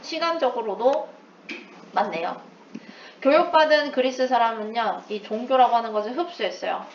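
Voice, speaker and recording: A woman's voice: fairly high pitch, moderate pace, far from the mic, slight background noise. A woman teacher giving an English lesson, explaining with playful asides and mixing in English terms. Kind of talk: recorded lecture. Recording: echoey room, away from the mic, dull lo-fi sound.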